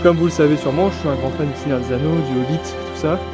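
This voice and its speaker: A man's voice: fairly high pitch, fast talker, over music. A young man vlogging casually as he walks through a forest, rambling in a chatty, upbeat way. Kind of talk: casual walking vlog. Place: outdoors in a forest.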